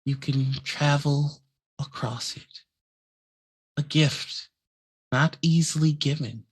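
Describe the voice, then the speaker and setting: A man voicing a seductive, maternal vampire goddess who speaks slowly and solemnly in a hushed, possessive way. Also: fairly high pitch, steady tone. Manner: slow, hushed, solemn, breathy delivery.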